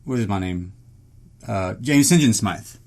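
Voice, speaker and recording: A man's voice: lowish voice, expressive, measured pace, a little mellow. A man hosting a solo podcast in casual, rambling chat, self-deprecating, joking and prone to swearing, recorded inside a small closet.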